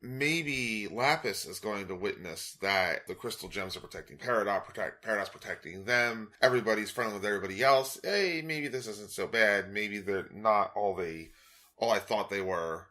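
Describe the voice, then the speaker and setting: A man with a low-pitched but bright, forceful voice co-hosts a fan podcast. He works through his thoughts carefully and often slows down to weigh an idea. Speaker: podcast co-host. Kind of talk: casual fan discussion.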